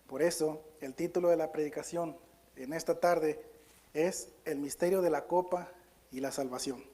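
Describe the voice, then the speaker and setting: Male pastor, higher-pitched voice, earnest and halting, pausing to correct himself, reading scripture aloud with emphasis. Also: steady tone, dark tone. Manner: reads scripture aloud with stress on key words. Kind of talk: Spanish-language sermon with Bible reading.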